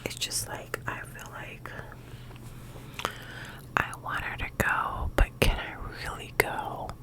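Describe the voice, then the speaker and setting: A personal ASMR chat in feel: a woman who hosts ASMR videos talks in a quiet, breathy whisper fit for late night, rambling loosely in halting phrases. The recording quality is rough.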